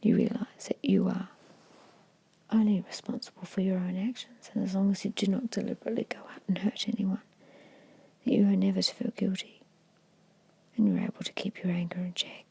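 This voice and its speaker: Speaking in a very breathy whisper, a woman leads an ASMR meditation at a fairly quick pace. Her soft, mellow voice barely rises or falls. In a hushed, repetitive way, she gently instructs, offering hypnotic suggestions again and again.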